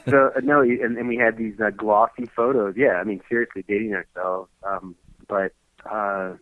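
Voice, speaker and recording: A man in his thirties talks casually as a podcast guest, rambling and restarting his sentences often. His fairly low voice comes through a tinny, phone-quality line, dry and close. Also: steady tone, moderate pace, no room sound. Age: 30s. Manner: rambling, many fillers and restarts. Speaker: guest musician.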